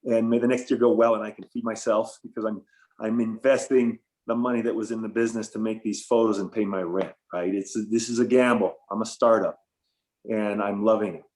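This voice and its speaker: A man's voice: fairly low pitch, fairly even intonation, brisk, darkish tone. Enthusiastic, reflective man on a call. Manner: enthusiastic, reflective, with fillers and restarts. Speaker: guest, photographer and former tour business owner. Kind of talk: casual interview talk.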